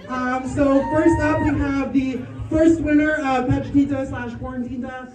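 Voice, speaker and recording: High-voiced campy male drag emcee. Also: little pitch movement, moderate pace. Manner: sassy, campy hype. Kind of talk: live stage announcing. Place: nightclub stage. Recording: echoey club, far mic, loud music and crowd.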